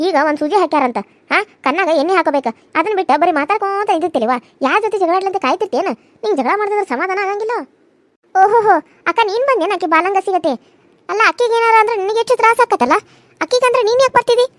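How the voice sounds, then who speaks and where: Quarrelling young cartoon wives, North Karnataka accent, very high, quick, dry studio sound. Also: female voice, expressive, no echo. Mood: heated. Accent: North Karnataka Kannada. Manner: heated, accusing, emotional. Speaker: voice actor. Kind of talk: cartoon serial voice acting.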